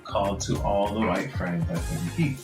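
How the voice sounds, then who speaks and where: A man's voice: fairly low pitch, big pitch swings, normal speed, music in the background. Man, jamaican accent, podcast guest, earnest, laughs easily, roomy echoey sound. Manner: earnest and reflective, laughs often, light patois touches. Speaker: guest author. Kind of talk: conversational podcast storytelling. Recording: roomy echo.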